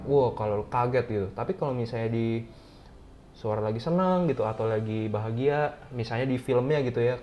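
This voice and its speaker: A man's voice: medium pitch, lo-fi sound. A young man giving a casual beginner music theory lesson, chatty and full of fillers, as the show's host. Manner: chatty, many fillers like "gitu" and "nah". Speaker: music teacher.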